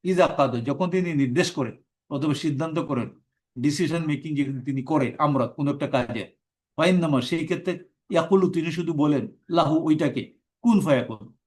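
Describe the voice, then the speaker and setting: A man's voice: fairly high pitch, brisk, a little mellow. A man teaching Quranic Arabic grammar in a live class, explaining step by step and reciting verb forms in lists.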